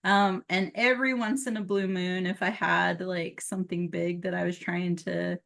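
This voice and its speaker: A woman from Utah talking as a guest in a podcast interview, relaxed, with lots of "um" and "you know" and frequent laughs. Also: lowish voice, normal speed, gravelly. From Utah, USA. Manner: relaxed, laughing, filler-heavy. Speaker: guest, psychic medium. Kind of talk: casual interview chat.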